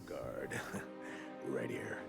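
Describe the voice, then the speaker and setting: Brief: tipsy braggart guard, gravelly, slow and slurring, swoops all over in pitch. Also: male voice, soft background music, exaggerated voice. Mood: boastful. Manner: slurring, giddy, rambling. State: drunk. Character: drunk boastful young male bodyguard.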